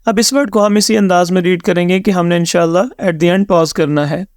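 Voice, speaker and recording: A male Quran reading teacher walks learners through each word letter by letter, drawing the syllables out slowly. His voice sits high and smooth, with a resonant clarity. The recording is close and dry. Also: fairly even intonation, no room sound. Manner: spells words letter by letter, drawn-out syllables, mixes English words. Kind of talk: slow step-by-step recitation lesson.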